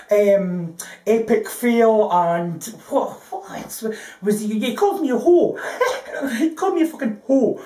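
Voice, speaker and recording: A Scottish woman rants into the camera, her pitch leaping up and down as she swears her way through the story. She laughs at herself often and drops "ken" and "aye" into nearly every sentence. The room around her rings with echo. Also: warm tone. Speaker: vlogger. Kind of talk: profane ranting monologue.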